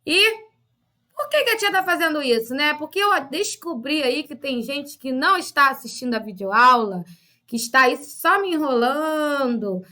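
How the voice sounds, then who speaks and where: Bright, high-voiced Brazilian teacher woman. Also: lively intonation, moderate pace. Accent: Brazilian Portuguese. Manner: chatty, uses frequent tag questions to pupils. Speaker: primary school teacher. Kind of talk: video lesson for children.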